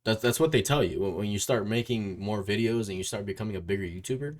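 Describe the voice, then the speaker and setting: This fast-talking man with a lowish voice hosts a casual interview for his music YouTube channel. He comes from Puerto Rico or a Puerto Rican family, and his rambling speech repeats phrases and leans on questioning tags.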